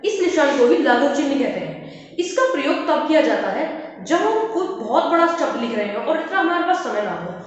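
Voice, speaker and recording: A woman teaching a grammar lesson who keeps calling her viewers "friends" and explains each point slowly with examples. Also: sits high, very animated. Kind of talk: classroom-style grammar lesson. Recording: echoey, dull lo-fi room recording.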